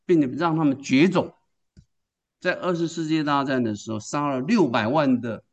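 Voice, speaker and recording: Emphatic male preacher asking questions. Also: fairly high pitch. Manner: asks the congregation rhetorical questions and answers them; emphatic, storytelling delivery. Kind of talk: sermon.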